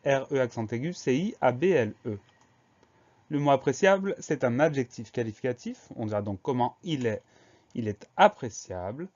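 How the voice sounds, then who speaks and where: A man with a medium-pitched, somewhat dark voice runs a children's spelling lesson, patiently sounding out each word letter by letter and saying it again. The audio is muffled and lo-fi.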